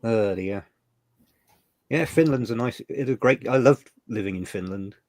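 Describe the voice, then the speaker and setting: Co-hosting a livestream, an older man from England chats emotionally about old memories and swears mildly now and then. He speaks a little slowly at medium pitch, his tone slightly mellow. The studio-quality recording has no echo.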